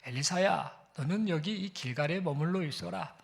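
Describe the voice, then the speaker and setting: A pastor voicing a calm old prophet. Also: male voice, a little high, normal speed, gravelly. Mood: gentle. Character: aging male prophet, calm and resolute.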